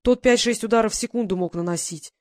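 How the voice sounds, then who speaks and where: An audiobook reader voicing a protective young man who is gruff and worried, in a dry, close recording. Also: medium pitch, fast, a little mellow, dry recording, lightly acted.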